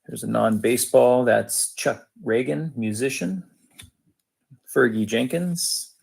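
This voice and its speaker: Male card-break host, slow and gravelly, casual and matter-of-fact, short clipped phrases. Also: medium pitch, darkish tone. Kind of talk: casual live commentary, reading out cards.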